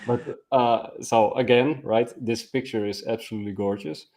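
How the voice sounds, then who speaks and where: A man hosts a casual interview in a voice of middling pitch. He chimes in with short affirmations and asks eager questions about the artwork. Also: steady tone, normal speed, a crowd in the background. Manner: brief affirmations, enthusiastic questions. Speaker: interviewer host.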